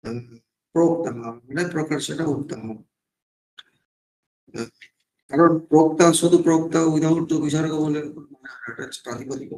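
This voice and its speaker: A man's voice: on the high side, moderate pace, long pauses, darkish tone. A monk teaching scripture in a slightly raised voice, heard in a roomy, echoing space. He explains step by step, poses questions and answers them himself, and drops English words into his talk. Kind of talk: scripture class lecture.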